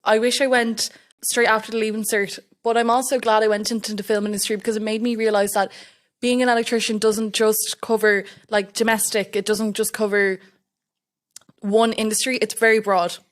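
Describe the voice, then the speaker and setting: In a casual interview, a young woman from Estonia, an apprentice electrician, recounts a story and voices the quoted remarks herself. She has a mid-range voice, speaks at a moderate pace, and delivers it flatly.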